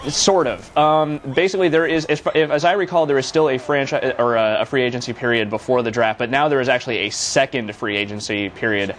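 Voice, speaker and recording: A man's voice: mid-range voice, quick pace, hardly any pauses, fairly bright tone, slight background noise. A man reviewing a video game in a casual live broadcast, rambling with lots of restarts and repeated words.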